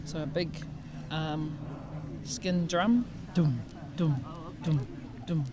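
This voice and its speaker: A woman's voice: deep voice, drawn-out words. A New Zealand woman, an art teacher, chatting casually in an interview with lots of ums. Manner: relaxed, chatty, with many ums and laughs. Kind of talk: casual chat. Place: outdoors at a crowded gathering. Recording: outdoor crowd noise behind. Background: crowd chatter.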